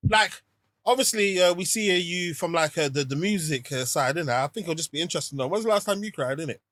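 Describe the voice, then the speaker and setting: A man interviews casually in a London roadman accent, heavy on slang. His voice is high for a man and bright, with a dry, close sound. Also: quick pace, no echo. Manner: London roadman slang, tags sentences with innit. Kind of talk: casual chat.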